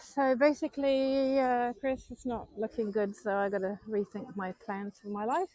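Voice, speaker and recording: Her voice slightly high and warm, a woman from New Zealand chats with live-stream viewers while walking city streets at night, sounding subdued and disappointed. She keeps a level tone at normal speed. The recording is dry and low in quality.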